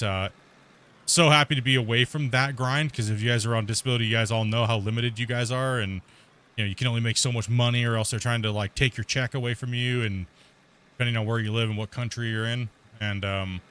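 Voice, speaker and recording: A man's voice: lowish voice, fairly bright tone. A man hosting a gaming channel, talking casually and rambling with lots of fillers while he plays a mining game. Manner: rambling and chatty, many fillers and restarts.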